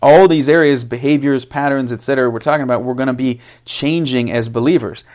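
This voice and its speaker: A man co-hosting a casual faith discussion, conversational and quick to affirm and joke. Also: mid-range voice, darkish tone.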